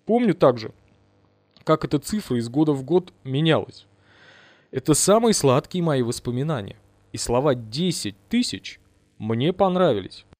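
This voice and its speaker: A man reading a first-person audiobook in measured, dramatic storytelling. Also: mid-range voice, sing-song, darkish tone, dry recording. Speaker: audiobook reader.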